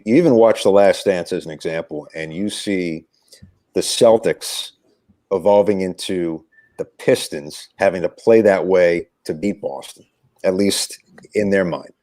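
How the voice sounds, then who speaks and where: A man with a low, darkish voice speaks a little slowly on a dry recording with no room sound. He's a sports radio play-by-play commentator appearing as an interview guest, offering conversational sports analysis. His phrasing is reflective and emphatic, much like a storyteller's.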